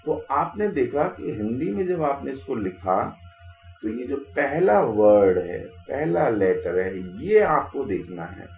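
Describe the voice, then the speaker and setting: A man's voice: mid-range voice, sing-song, slow, reverberant, dull audio. A man teaching English grammar in Hindi, explaining patiently and asking rhetorical questions. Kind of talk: Hindi classroom-style lesson.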